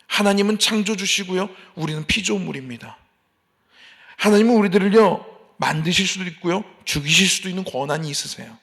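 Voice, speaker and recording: A man's voice: high voice, vocal fry, a bit bright. A man preaching a sermon as pastor at an early morning church service, rising into emphatic appeals and acting out complaining believers. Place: church sanctuary.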